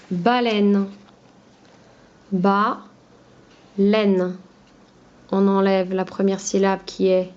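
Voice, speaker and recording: A woman teacher talking slowly and patiently to young children, spelling out each word syllable by syllable. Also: medium pitch, a little mellow, lo-fi sound.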